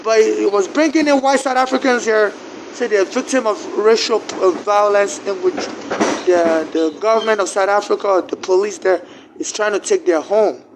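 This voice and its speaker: A Nigerian man with a Nigerian accent, not a native English speaker, gives a personal account haltingly, repeating words and starting over. His voice is high-pitched, and the background is noisy.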